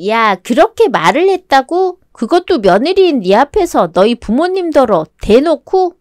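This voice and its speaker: A woman's voice: sits high, sing-song, normal speed, noisy background. A woman voicing an outspoken female friend who reacts with emphatic indignation on her friend's behalf. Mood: shocked.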